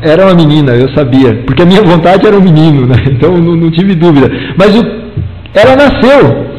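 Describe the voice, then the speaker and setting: A middle-aged man, teaching a church Bible class in a chatty way, telling personal stories and acting out the dialogue with big swings in pitch. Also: lively intonation, fast, a little mellow. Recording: long reverb of a hall.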